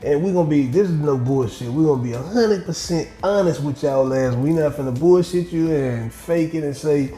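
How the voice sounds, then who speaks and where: A middle-aged man hosting a podcast, talking bluntly with lots of profanity and animated storytelling in casual chat. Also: on the high side, moderate pace, few pauses. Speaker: podcast host. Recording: echoey room with faint music.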